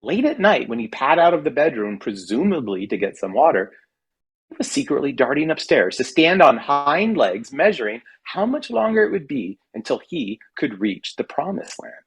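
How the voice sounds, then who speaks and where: A man from California reads his own humorous personal essay aloud, wry and mock-dramatic in his comic storytelling. His mid-range voice is very animated with a breathy edge, at a moderate pace.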